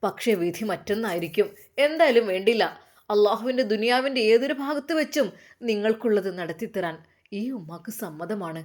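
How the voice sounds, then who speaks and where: A woman's voice: medium pitch, expressive, a little fast, natural voice. Woman voicing a kindly older mother figure. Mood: tender. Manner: tender, comforting.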